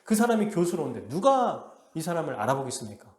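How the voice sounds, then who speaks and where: A male pastor preaching a sermon with animated delivery, acting out the quotes he reads. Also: a little high, fast, reverberant. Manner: animated, acts out quotes in a lively voice. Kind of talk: expository sermon. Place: church sanctuary.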